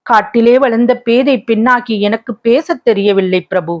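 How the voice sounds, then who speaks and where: A woman's voice: a little high, normal speed, close to an everyday voice. A woman voicing a young lovelorn woman who is tearful and wistful, speaking in a plaintive, pleading tone, in a slightly muffled recording.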